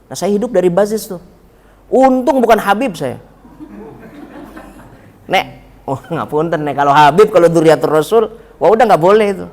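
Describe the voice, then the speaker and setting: A man's voice: high-pitched, expressive, normal speed, long pauses. A man teaching a religious study class in a mosque, with a humorous, anecdotal manner, turning often to the listeners as Pak and Bu. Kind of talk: mosque study-circle lecture.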